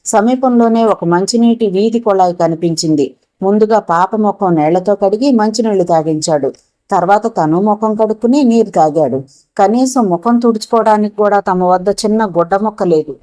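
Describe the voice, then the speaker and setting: A woman narrating a novel in a steady, expressive storytelling manner. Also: mid-range voice, moderate pace, low-quality recording.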